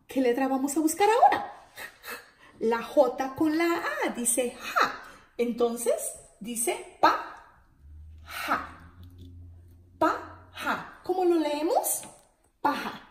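High, lively woman teaching phonics slowly. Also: roomy sound. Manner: sounds out syllables slowly and with emphasis; warm, encouraging praise to children. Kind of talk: slow phonics lesson for young children.

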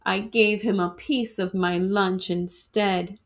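Here a woman reads a children's story aloud slowly, her mid-range voice full of drama and expression in the manner of a teacher with her class.

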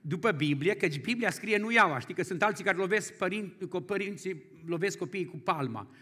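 A male pastor preaching a folksy storytelling sermon, moving from quiet asides to loud exclamations. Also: sits high, lively intonation, breathy edge. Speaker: guest pastor.

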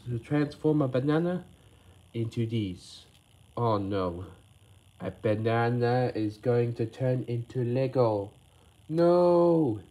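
A man voicing all the characters in a homemade toy animation, with halting, rambling delivery full of word slips. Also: medium pitch, dark tone, a little hiss or hum, rough recording. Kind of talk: homemade toy stop-motion voice acting.

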